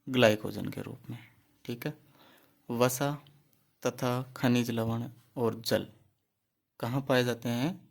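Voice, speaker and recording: A man's voice: medium pitch, fairly even intonation, slow, gravelly, long pauses. A man teaching a biology class for exam preparation. He asks questions, answers them himself and repeats key terms. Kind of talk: exam-prep lecture.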